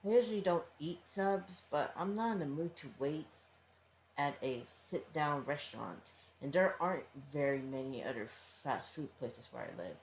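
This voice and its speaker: A fan reads a first-person fanfiction aloud casually, frequently stumbling over words and pausing for offhand asides. The voice is mid-range and expressive at a normal speed. The recording sounds roomy, with faint background noise.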